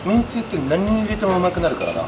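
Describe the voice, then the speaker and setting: A man's voice: sits high, huge pitch swings, racing, loud music behind the voice. A young man hosting a vlog, chatting casually over food and drinks. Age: young adult. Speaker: vlog host. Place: small busy Japanese izakaya, later the street outside.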